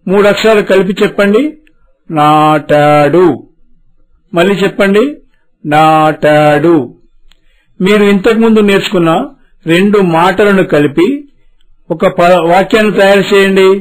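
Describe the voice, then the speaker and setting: A man teaching a beginners' reading lesson, spelling words syllable by syllable and stretching them out slowly. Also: high voice, steady tone, low-quality recording.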